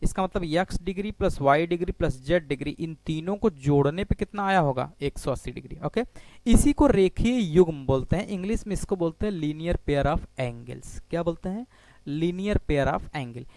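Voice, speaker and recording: High-voiced man teaching geometry. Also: lively intonation, moderate pace, a little mellow, no echo. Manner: asks the class questions and answers them himself; repeats "ठीक है" often while explaining on a board. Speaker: maths teacher. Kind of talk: exam-prep geometry lecture.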